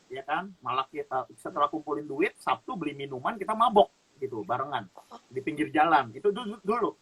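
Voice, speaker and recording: A man giving an animated spiritual testimony as a talk-show guest, laughing often as he tells it. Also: on the high side, husky.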